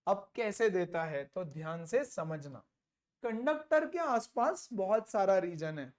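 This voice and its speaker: Slow-talking male teacher, playful. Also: high-pitched, big pitch swings. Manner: mixes Hindi with English terms, repeats key words slowly; playful, acts out imagined exchanges. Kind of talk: classroom physics lesson.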